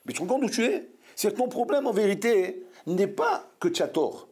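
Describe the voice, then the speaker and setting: A man, a rabbi, preaching a sermon in a lively, scolding way full of rhetorical questions. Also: high-pitched, fairly quick, slight background noise.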